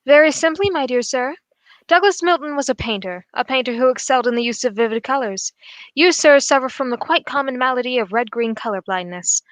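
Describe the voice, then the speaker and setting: A woman playing Sherlock Holmes, a shrewd gentleman detective, in a formal, measured radio drama style. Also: sits high, dry recording, close to an everyday voice. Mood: confident, accusing. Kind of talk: old radio drama acting.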